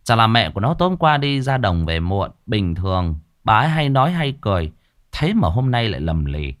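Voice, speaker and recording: A man's voice: fairly low pitch, a little fast, dry recording, studio quality. A man narrating a horror story in a scripted, dramatic way. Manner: expressive, dramatic.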